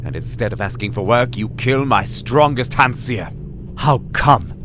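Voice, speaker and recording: A man voicing a fierce young woman gang leader who talks in a sharp, demanding, cutting way. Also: low-pitched, animated, normal speed, faint music behind. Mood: suspicious.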